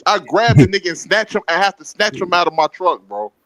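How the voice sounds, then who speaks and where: A man casually telling stories about his trucking work, animated and getting loud when he acts out confrontations. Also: high-pitched, brisk, rough recording. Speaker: podcast co-host. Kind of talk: casual storytelling.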